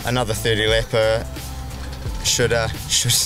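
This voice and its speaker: A man's voice: lowish voice, level tone, measured pace. A man with a broad New Zealand accent, a speedway driver chatting casually in a trackside interview. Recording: outdoor trackside, music and vehicles behind.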